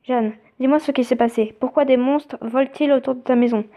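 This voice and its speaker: A woman's voice: high voice, fairly even intonation, brisk. A woman voicing a worried, curious young heroine from a mobile game, reading her questions aloud. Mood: questioning. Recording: tinny phone-like sound.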